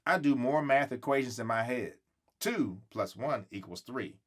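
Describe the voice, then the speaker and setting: A man with a mid-range, animated voice reads a children's book aloud at a moderate pace. He acts out the dialogue and stretches words for emphasis in expressive storytelling.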